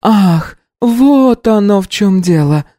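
A woman voicing a brisk, practical housekeeper acting as midwife, firm and soothing in a dry studio reading. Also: medium pitch, lively intonation, mellow, no echo, lightly acted. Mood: calm, firm. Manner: firm, soothing, matter-of-fact. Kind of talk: audiobook reading.

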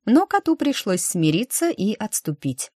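A woman narrating a first-person audiobook in an even, lightly ironic storytelling manner. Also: mid-range voice, moderate pace, husky, no room sound, clean studio sound.

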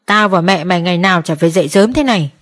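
A woman reads an older farmer father who scolds and lectures his sleepy son. The voice drops a little lower and goes gruff. It is part of a narrated storybook. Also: very fast, natural voice. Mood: scolding.

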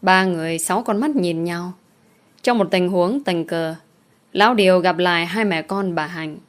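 A woman narrating a romance novel aloud in a steady storytelling manner. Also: on the low side, moderate pace.

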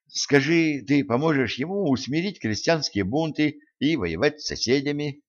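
A man's voice: mid-range voice, lo-fi sound, voice pushed up. A man doing a teasing warrior woman, raised voice. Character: bold young woman warrior, quick-witted and teasing.

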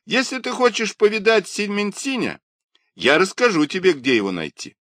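A man's voice: high-pitched, animated, moderate pace, a bit bright, no echo, studio quality, pitched above the performer's own voice. A man doing an eager street gossip. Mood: gossipy. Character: eager gossiping male passerby.

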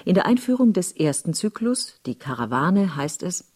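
Female documentary narrator, low husky voice, calm scripted read, faint music bed. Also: moderate pace.

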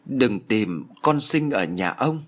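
A man's voice: on the low side, animated, takes it slowly. A man voicing a feverish peasant father who speaks in a strained, anguished way.

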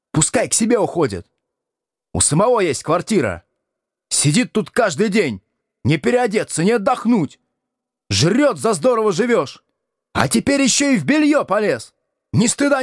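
Male reader playing a shrill enraged wife, high and yelling, for an audiobook. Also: very animated, normal speed, no echo, clean studio sound. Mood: furious. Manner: high, screaming tirade. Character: furious young wife shouting at husband.

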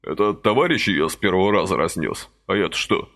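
A gruff, reluctant young man, voiced by a male reader, who mutters and snaps back his answers. The voice sits low and a little gravelly, close to the reader's own. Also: lively intonation, brisk, fairly bright tone, exaggerated voice. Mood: grumbling. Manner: grumbling and reluctant. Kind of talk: audiobook character voice.

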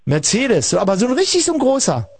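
An extremely high-pitched, husky male voice with huge pitch swings and a quick pace, recorded with no room sound, hosts a late-night call-in radio show. The host rambles with irony, talks to callers, and calls his listeners kids.

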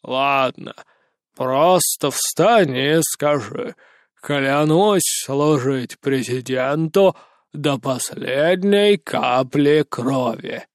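A man putting on a slow, gruff president. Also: no room sound, studio quality. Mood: commanding. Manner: slow, low, commanding drawl.

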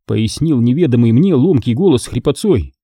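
A man narrating a first-person detective story in an expressive, wry audiobook reading. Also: mid-range voice, normal speed, breathy edge, no room sound, clean studio sound. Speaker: audiobook reader.

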